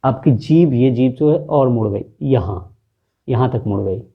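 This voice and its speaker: A man's voice: medium pitch, creaky. A man teaching a pronunciation lesson, patiently sounding out consonants one by one and asking the viewer where each sound comes from. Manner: patient, demonstrative, repeating sounds slowly and quizzing the viewer. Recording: dull lo-fi recording.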